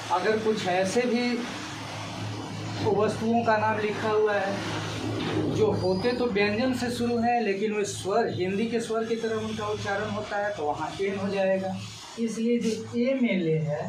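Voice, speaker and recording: A man teaching an exam-prep grammar lesson, explaining each answer option slowly and step by step. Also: sits high, darkish tone, a little hiss or hum. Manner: slow, explanatory, walks through each option. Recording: echoey room, mic far off.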